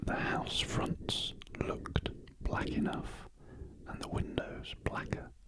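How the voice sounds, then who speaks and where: A British man reads a classic story for ASMR, entirely in a soft whisper. His delivery is very slow and gentle, broken into measured phrases. The breathy voice sits close to the ear-to-ear microphone. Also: low-quality recording. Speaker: ASMR reader. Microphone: close ear-to-ear stereo microphone.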